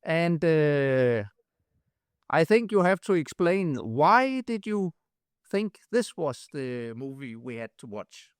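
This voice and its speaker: A man opens a film podcast in a relaxed, slightly raised voice. He takes his time and slips in dry jokes. The voice is clear and smooth, and the recording is dry and close. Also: a little high, slow, dry recording. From Denmark. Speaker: podcast host. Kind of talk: casual show opening.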